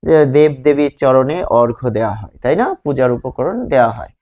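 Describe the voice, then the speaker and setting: A man with a Bangladeshi Bengali accent teaching a grammar lesson at a whiteboard, explaining slowly, repeating words and asking rhetorical questions. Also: medium pitch, narrow, tinny audio.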